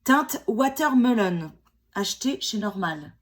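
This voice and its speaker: A beauty vlogger in her forties, slowed down by a cold, talks casually and jokes about herself while applying makeup at home. Her voice is medium in pitch with lively intonation, and her chat is peppered with fillers and restarts.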